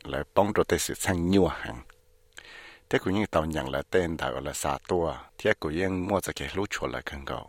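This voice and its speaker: A man reading a news report in a steady, measured, scripted way. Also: low-pitched, dry recording. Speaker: news narrator.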